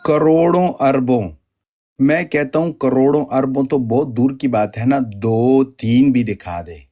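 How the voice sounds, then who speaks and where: A man's voice: mid-range voice, a little slow, mellow. A man giving emphatic, polemical religious commentary, often stammering and repeating words.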